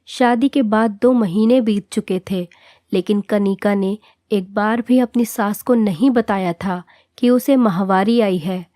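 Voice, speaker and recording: A woman storyteller narrating a scripted family story in a steady, measured reading. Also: mid-range voice, dry recording, clean studio sound.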